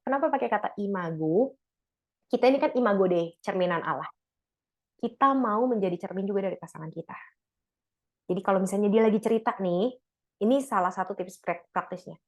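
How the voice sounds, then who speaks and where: A middle-aged woman with a mid-range, darkish voice gives a casual talk to a church couples' fellowship. She is chatty and slangy and laughs often.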